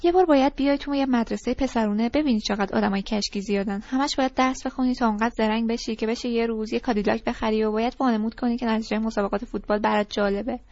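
A woman's voice: a little high, steady tone, few pauses, darkish tone, dry recording, close to an everyday voice. A woman voicing a disgruntled teenage boy who rambles through complaints and pleads eagerly, in an audiobook reading. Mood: ranting. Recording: dull lo-fi recording.

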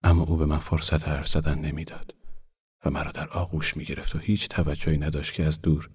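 A man reading a literary story aloud in a soft, hushed voice that often drops to a whisper. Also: extremely low pitch, flat delivery, husky.

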